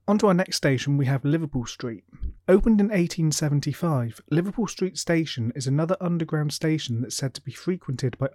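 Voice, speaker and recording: A man hosting a podcast, reading scripted ghost stories in a measured, explanatory way. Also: a little high, warm tone, no room sound, clean studio sound. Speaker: podcast host.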